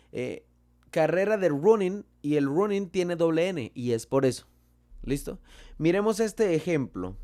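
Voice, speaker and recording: A man with a Colombian Spanish accent teaching a lesson, slow and deliberate, asking and answering his own questions. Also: fairly high pitch, darkish tone. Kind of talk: explaining a lesson.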